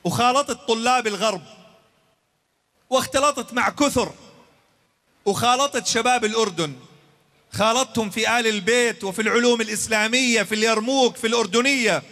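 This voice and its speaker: A man giving a fervent speech to young people, often rising to shouts. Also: extremely high pitch, brisk, pauses often. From Jordan. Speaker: preacher. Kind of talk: impassioned speech to youth. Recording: long hall reverb.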